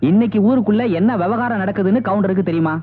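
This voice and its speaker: A man plays a plain-spoken village friend with a teasing way of talking, brisk and a little high-pitched. The recording is thin and phone-like, with a faint background hum. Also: close to an everyday voice. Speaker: film actor. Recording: tinny lo-fi film soundtrack.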